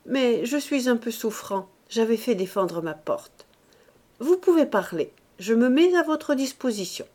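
A woman's voice: on the high side, lively intonation, measured pace, a little mellow, voice pushed up. A woman voicing a timid, fretful old male bishop who talks in a plaintive, raised voice with anxious outbursts. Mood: amiable, uneasy.

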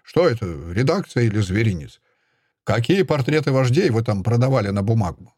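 A man doing a gruff, curt newspaper editor. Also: mid-range voice, expressive, a little mellow, no room sound, clean studio sound. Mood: sharp. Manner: gloomy, clipped, quick questioning.

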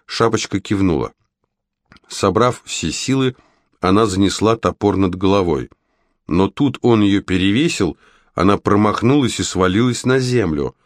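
A man narrating a children's fantasy audiobook in a lively storytelling manner. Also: lowish voice, moderate pace, no echo, clean studio sound.

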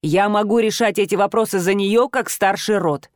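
A woman's voice: mid-range voice, normal speed, dry recording, studio quality, lightly acted. A woman reading the lines of a domineering, protective male cousin who barks curt orders, in a storybook reading. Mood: stern.

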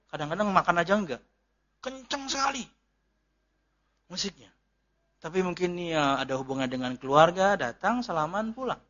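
A man's voice: high voice, a bit bright. A man giving a chatty, joking religious lecture and answering questions as an ustadz. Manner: jokey, chatty, laughs at his own jokes. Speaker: ustadz, Islamic preacher. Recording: dull lo-fi lecture recording.

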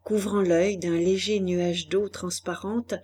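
A woman reading a novel aloud as an audiobook narrator, measured and expressive. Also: fairly low pitch, breathy edge. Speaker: audiobook reader. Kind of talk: scripted narration.

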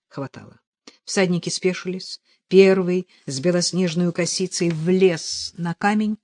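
A woman reading an audiobook in measured, dramatic storytelling narration. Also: fairly low pitch, a little mellow, no echo. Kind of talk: scripted narration.

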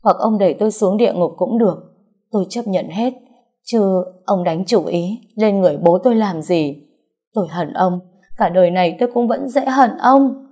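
A woman voicing a grief-stricken young woman who cries hoarsely over her dead father in an audiobook story. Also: medium pitch, slow pace. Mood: anguished wailing. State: crying.

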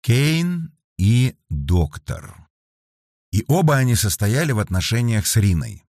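A man reading a calm, thoughtful detective. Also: mid-range voice, no echo, clean studio sound, voice pushed up. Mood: measured. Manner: measured, explaining.

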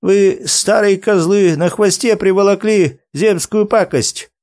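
A man voicing a grumbling, gruff old male innkeeper. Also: on the high side, animated, measured pace, dark tone.

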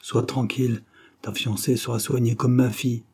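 A man voicing a stubborn old male rebel farmer in a storybook reading, gruff and urgent. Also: medium pitch, little pitch movement, normal speed, warm tone.

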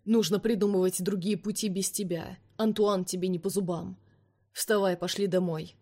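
A woman voicing a fierce, scornful vampire man in an audiobook, speaking forcefully and commandingly. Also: mid-range voice, fairly even intonation, moderate pace, lightly acted. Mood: cold.

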